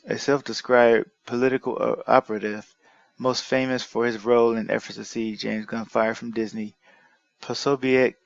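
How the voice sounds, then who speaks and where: A man's voice: medium pitch, vocal fry, no echo, muffled recording. A man vlogging commentary, reading an article aloud and rebutting it in an indignant, argumentative way with frequent restarts.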